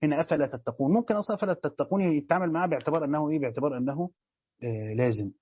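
An Egyptian male teacher gives a colloquial Egyptian lecture on Quran exegesis in a fairly high, slightly rough voice with quick, explanatory delivery, asking and answering his own questions. The recording is dull, muffled, dry and lo-fi, with no echo.

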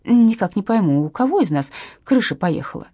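A woman voicing an irritable, sharp-tongued woman who snaps indignantly, in an audiobook. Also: mid-range voice, sing-song, a little fast, breathy edge, no echo, clean studio sound, voice pushed up. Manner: snappy, indignant.

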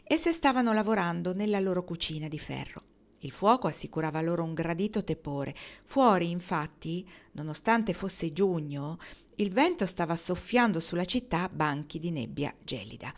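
A woman reads a novel aloud in a measured, expressive way. Her voice sits fairly low for a woman. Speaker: audiobook reader. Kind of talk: novel narration.

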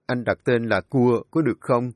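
A man's voice: mid-range voice, moderate pace, a little mellow, no echo, close to an everyday voice. A man voicing a grief-stricken young husband who pleads tearfully with his dying wife. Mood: tender pleading. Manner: sobbing, pleading, voice breaking.

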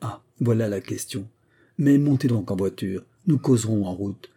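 A man voicing a distressed young gentleman in an audiobook, speaking urgently and a little higher. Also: normal speed, slightly rough. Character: anxious young gentleman, distressed student friend.

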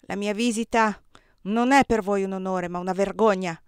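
A woman reading an audiobook and voicing a weary, bitter middle-aged male emperor, clipped and low that flares into loud anger. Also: steady tone, a little fast, dry recording, clean studio sound, natural voice. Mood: bitter furious.

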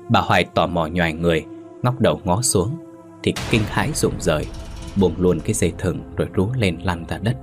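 A man reading a ghost story aloud in a very deep, low voice, steady and solemn. Soft music plays faintly underneath. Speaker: narrator.

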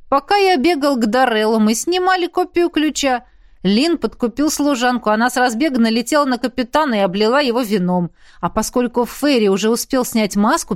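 A woman doing a cheeky excited young elf. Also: a little high, no room sound, studio quality, natural voice. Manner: excited, boastful.

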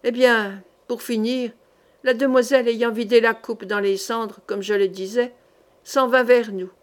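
A woman reads a zealous male hermit monk from a historical novel, nasal and rambling in a quick flow of words. The voice sits a touch high. A storybook character told by a single reader. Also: steady tone, close to an everyday voice. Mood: earnest. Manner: rapid, long-winded recounting. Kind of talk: audiobook character reading.

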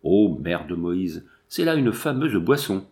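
A man's voice: sits low, big pitch swings, a little slow, a little mellow. A man doing a boisterous Irish hunter. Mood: boastful. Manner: blustering, swearing oaths.

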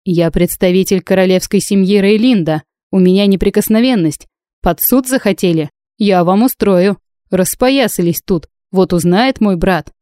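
A woman plays a brash young heroine who puts on a show. She talks loud and high with a mellow tone and a mock-innocent edge. The audiobook sound is dry and close. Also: normal speed, no echo, lightly acted. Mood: indignant.

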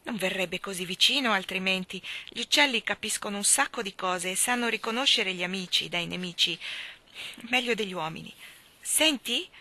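A woman's voice: medium pitch, animated, moderate pace. Woman reading as Deacon, a cheerful country boy. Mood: friendly. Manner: warm, friendly, hushed at times. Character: cheerful country boy who talks to animals.

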